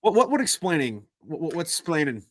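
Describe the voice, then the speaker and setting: A man's voice: a little high, very animated, fairly quick. A man hosting a casual chat, often repeating words in a stammering run-up to his sentences. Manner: stammering word repetitions. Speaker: podcast host.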